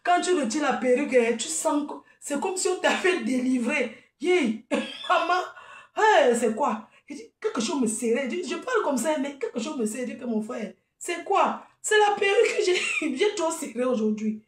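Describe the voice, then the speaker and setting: A woman's voice: sits high, lively intonation, moderate pace, far from the mic. A woman, an event promoter ranting in a live video, combative and mocking, breaking into laughter. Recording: echoey room, voice off-mic.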